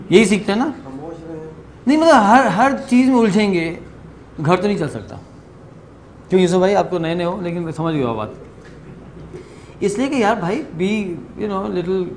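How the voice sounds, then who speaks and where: A middle-aged man from Pakistan leading a workshop, telling stories in an animated way and slipping into English phrases. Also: sits high, a little hiss or hum. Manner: animated storyteller, acts out quoted exchanges, mixes in English. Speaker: workshop trainer. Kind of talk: lively lecture to a class. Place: training room with a group.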